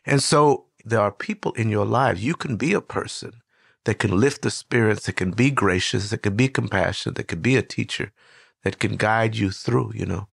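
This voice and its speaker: An older man hosting an interview, telling stories in a lively, conversational way with frequent restarts. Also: lowish voice, normal speed, creaky, breathy edge, dry recording, studio quality. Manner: warm storyteller, animated with many restarts. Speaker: host.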